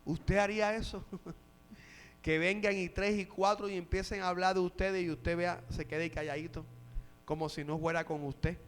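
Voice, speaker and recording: Man preaching, Colombian accent, high voice, storytelling turning fervent. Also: fairly even intonation, normal speed. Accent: Colombian Spanish. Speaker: pastor. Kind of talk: sermon.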